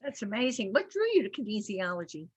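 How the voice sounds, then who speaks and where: A woman's voice: medium pitch, sing-song, quick pace, slightly rough. A woman hosting a podcast interview and asking eager, curious questions. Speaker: podcast host.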